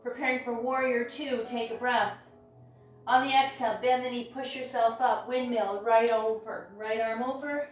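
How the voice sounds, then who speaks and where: A woman teaching a hatha yoga class, guiding each step in a careful, unhurried way. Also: a little high, fairly even intonation. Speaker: yoga instructor. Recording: very echoey room, distant mic, music.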